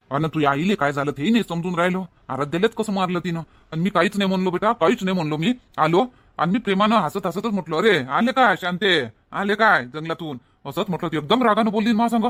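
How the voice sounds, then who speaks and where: Brief: man as an anxious village granddad, high voice, fussing and easily scared. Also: fairly bright tone, dry recording. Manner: fussing, questioning, easily alarmed. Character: worried old village grandfather. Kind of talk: village comedy sketch acting.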